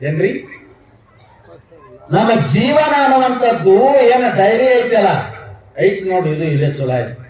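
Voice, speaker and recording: A man preaches a devotional sermon, joking with his listeners and breaking into Sanskrit chants. His voice sits fairly high. It is heard from some distance off the mic, in a strongly echoing hall. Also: very animated, unhurried, pauses often, darkish tone. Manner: humorous, teasing, chants Sanskrit verses. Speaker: spiritual speaker. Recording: very echoey, from far off the mic.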